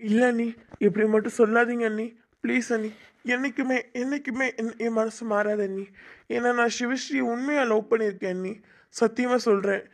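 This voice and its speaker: A woman's voice: fairly high pitch, fairly even intonation, brisk, close to an everyday voice. A woman voicing a lovesick young man who begs desperately with stammering repeats in an amateur audio drama. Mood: pleading.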